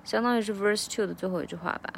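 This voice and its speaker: A woman's voice: medium pitch, gravelly, slight background noise. A woman, an English teacher, casually talking through her lyric practice in a reflective vlog. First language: Chinese. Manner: reflective, breaks lyrics into slow drills.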